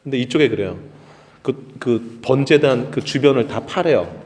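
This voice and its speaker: A Korean man preaching a Sunday sermon as pastor, telling stories and acting out voices, rising loud for emphasis. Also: medium pitch, animated, moderate pace. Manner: storytelling, acts out voices, rises loud for emphasis. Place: church sanctuary. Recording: echoey church hall.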